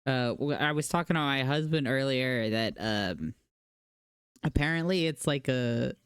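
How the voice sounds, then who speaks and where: A woman from the US co-hosting a podcast in casual chat, animated and swearing freely. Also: extremely low pitch, measured pace, clear, resonant tone, no room sound, clean studio sound. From United States. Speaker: podcast co-host.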